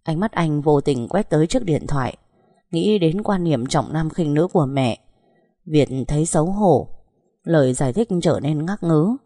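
Low-voiced woman narrating a story. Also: lively intonation, moderate pace, dark tone, no room sound, clean studio sound.

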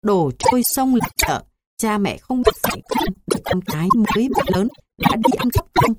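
A woman's voice: mid-range voice, lively intonation, normal speed, voice pushed up, natural voice. A woman voicing an angry adult neighbor who harshly scolds a child caught stealing, in a noisy recording. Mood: scolding.

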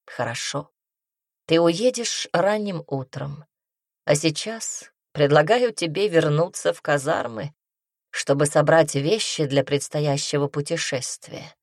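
Smug fanged king, purring and slow, very low pitch, read by a woman. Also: no echo, studio quality. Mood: commanding. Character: smug seductive male king, fanged, commanding.

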